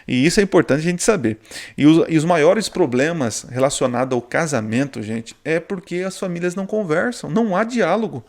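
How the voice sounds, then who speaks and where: A man's voice: a little high, fairly quick. Chatty Brazilian man teaching Bible study. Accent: Brazilian Portuguese. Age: adult, married. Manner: chatty, peppers speech with "né?" and "tá?". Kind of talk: casual online Bible study. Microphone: sharing screen on a video call.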